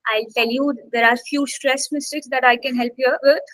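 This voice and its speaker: A woman with a high, bright voice leads a live online English lesson. She keeps asking "okay?" and urges her students to answer. The sound is dry and close on a computer mic. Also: fairly even intonation, moderate pace, no room sound, poor audio. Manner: checks in constantly with "okay?" and coaxes students to speak. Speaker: English exam instructor. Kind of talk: live online class teaching.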